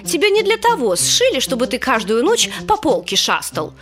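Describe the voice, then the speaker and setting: A woman's voice: high voice, wildly swooping pitch, moderate pace, voice pushed up. A woman voicing a vain, snooty female teddy bear in a haughty, sniffy voice for a storybook.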